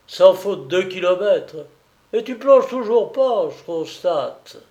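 A man voicing a gruff, pious old male sailor in an audiobook, talking in loud, rough exclamations. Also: sits high, animated, slow, dull audio, voice pushed up, full character voice. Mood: fierce, excited.

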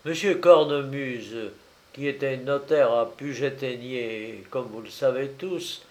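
A man reading a literary story aloud as an audiobook narrator, with a measured and wry storytelling delivery. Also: mid-range voice.

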